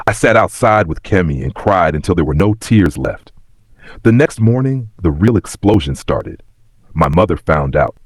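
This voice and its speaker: A man narrating a first-person family drama story with an emotional, expressive delivery. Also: deep voice, husky, dry recording.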